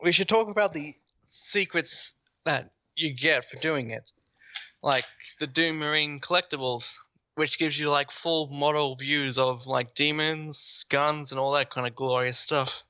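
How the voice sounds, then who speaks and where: A man's voice: on the high side, steady tone, unhurried, bright, forceful tone, dry recording. A man chatting enthusiastically as a gaming podcast host. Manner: enthusiastic, rambling. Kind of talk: casual gaming podcast chat.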